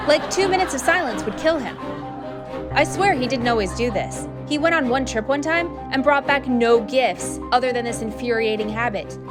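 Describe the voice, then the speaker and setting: A woman's voice: on the high side, expressive, normal speed. A woman reading a mock political attack ad about her husband in a dry, exasperated tone. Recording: ad played over loud music and crowd.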